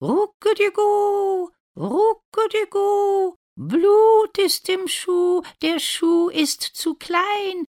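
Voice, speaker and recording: A woman doing high chanting fairy-tale doves. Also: animated, exaggerated voice. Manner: high sing-song chant, slow and loud. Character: pair of cooing doves, chanting warnings.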